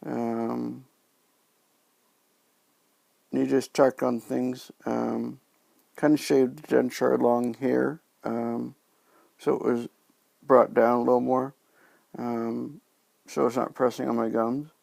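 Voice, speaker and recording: A man talking in a casual video diary, halting and subdued as he recovers from oral surgery, his speech slightly impeded by new dentures and a sore mouth. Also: medium pitch, flat delivery, vocal fry, a little mellow, dry recording. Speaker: vlogger sharing recovery from dental surgery.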